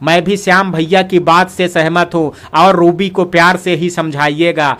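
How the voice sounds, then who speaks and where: A man doing a gentle, forgiving young woman. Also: high-pitched, level tone, a little slow.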